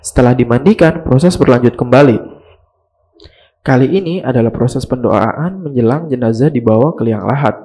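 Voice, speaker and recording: A man's voice: mid-range voice, moderate pace, dark tone. A man narrating a scripted story recap, with mocking, slangy asides to the audience.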